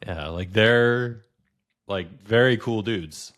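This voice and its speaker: Deep-voiced man in casual podcast chat. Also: takes it slowly, fairly bright tone. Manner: rambling, many "like" fillers. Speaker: podcast co-host.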